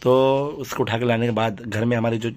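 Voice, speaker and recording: A man's voice: medium pitch, little pitch movement, fairly quick. A man hosting a casual family vlog, chatty and coaxing a pet cat. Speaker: vlogger.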